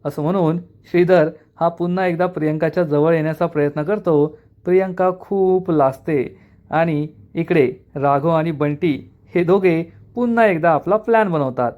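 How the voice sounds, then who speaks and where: A man narrating a television episode recap in a steady, flowing way. His voice sits a little higher than most men's. The delivery stays even and storytelling-like throughout. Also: moderate pace, phone-quality sound.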